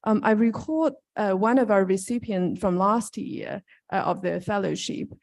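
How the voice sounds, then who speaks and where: A woman's voice: mid-range voice, moderate pace, gravelly, darkish tone. A woman who organizes a university program, answering on a panel in a hesitant, earnest way with many fillers.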